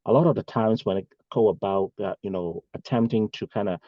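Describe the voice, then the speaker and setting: A man's voice: on the low side, fairly quick, no echo, muffled recording. A man, giving earnest, rambling answers as an interview guest over a video call. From Hong Kong. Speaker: guest, bank executive. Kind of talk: casual interview talk.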